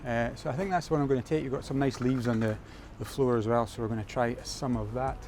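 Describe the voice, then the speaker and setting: A man's voice: medium pitch, fairly even intonation, quick pace. Scottish male vlogger, casual and rambling, outdoor city streets with music bed. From Scotland. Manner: chatty, loose and rambling, with fillers and Scottish words. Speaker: photography vlogger. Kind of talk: casual walking vlog.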